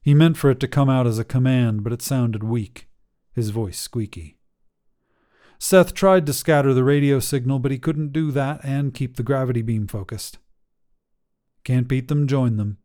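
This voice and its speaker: A man hosting a story podcast, narrating a short story in a calm, measured, scripted way. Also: mid-range voice.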